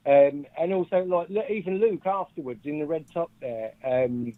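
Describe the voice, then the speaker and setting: A man's voice: a little high, moderate pace. An earnest male caller who rambles a little as he makes his point. He is heard over a thin, tinny phone line. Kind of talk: phone-in call.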